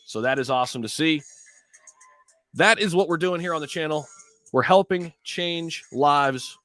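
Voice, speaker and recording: A man's voice: a little high, moderate pace, bright, forceful tone, no echo, faint music behind. A man hosting a casual crypto livestream, talking to viewers in hyped, slangy crypto bro style.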